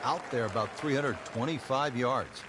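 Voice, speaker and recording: A man's voice: mid-range voice, normal speed, fairly bright tone, a little hiss or hum, close to an everyday voice. A man playing an easygoing, observant golf commentator in a video game, calling play like a television broadcast. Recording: game audio with crowd and music behind.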